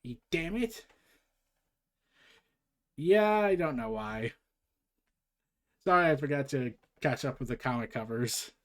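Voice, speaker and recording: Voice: mid-range voice, animated, slow pace, pauses often. A comic book reader recapping and reading a story aloud, casual, with rambling asides.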